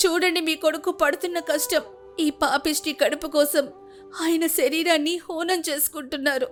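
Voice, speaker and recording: Brief: woman as young village wife, high tearful voice, lamenting, soft music under.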